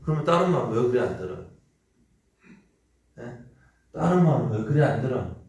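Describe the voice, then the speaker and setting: Very animated and moderately paced, a medium-pitched male pastor gives a conversational early morning sermon, frequently questioning the congregation and shouting lines as he plays quoted parents. The church sanctuary is very echoey, recorded from a distant mic.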